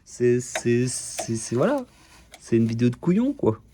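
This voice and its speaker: A DIY car repair vlogger films himself on his phone camera as he works on his car, chatting nonstop, joking around and swearing often. His voice is mid-range and very animated, though his pace stays measured. There's background noise in this casual, chatty video.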